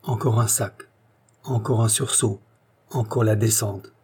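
Male narrator with a husky, dark voice for an intense, anguished first-person tale. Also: on the low side, fairly even intonation, a little slow. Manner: intense, swells to anguished outbursts. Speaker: audiobook reader. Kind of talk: dramatic story reading.

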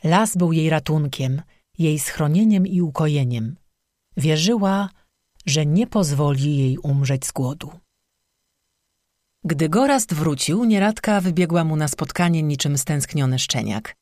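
An audiobook narrator tells an old folk tale in a steady, even storybook manner. The voice sits at a middling pitch, and the close studio recording is dry with no room sound. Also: measured pace, no room sound.

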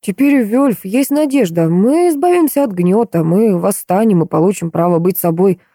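A woman's voice: mid-range voice, expressive, moderate pace, mellow, dry recording, studio quality. A woman reading an audiobook, voicing a fervent, unstable young man who talks with feverish insistence.

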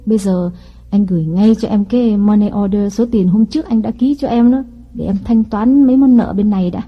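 Storybook scheming wife voiced by a man: wheedling, coy, husky, lo-fi. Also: high-pitched, pitched above the performer's own voice. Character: young scheming wife, coaxing and sly.

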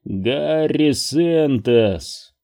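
A man's voice: mid-range voice, very animated, very slow, mellow, heavily acted. A man reading an audiobook, voicing a dead woman's spirit who speaks through an entranced man, pleading and tearful. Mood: raging. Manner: pleading, tearful, rising to fury.

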